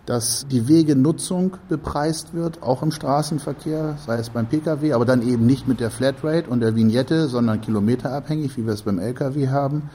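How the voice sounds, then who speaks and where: A man's voice: medium pitch, fairly quick, few pauses, dark tone, slight background noise. A man giving explanatory interview answers, building his points in repeated clauses. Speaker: transport advocate interviewee. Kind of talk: spoken interview argument.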